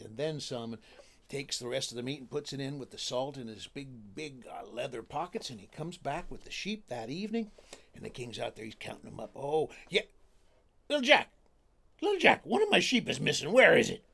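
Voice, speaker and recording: A man telling a folk tale in a folksy, drawling, animated way. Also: medium pitch, gravelly. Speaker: storyteller.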